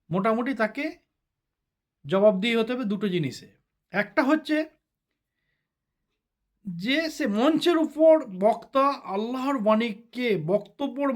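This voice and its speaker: A man giving a sermon-style religious talk, explaining step by step and often checking with the listeners. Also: high-pitched. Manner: explains step by step, asks the listeners "ঠিক আছে?". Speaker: religious speaker.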